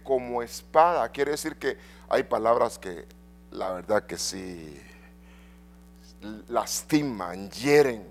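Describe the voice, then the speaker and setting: Lively Spanish-speaking preacher man. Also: medium pitch. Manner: animated preaching, swinging loud and soft; addresses congregation with rhetorical questions. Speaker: pastor. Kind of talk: sermon. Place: church.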